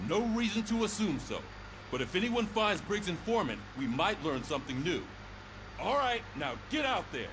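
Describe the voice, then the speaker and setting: A man's voice: sits high, very animated, normal speed. A man voicing a police sergeant who leads a briefing with authority. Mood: commanding. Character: commanding male police sergeant giving briefing. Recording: noisy game audio.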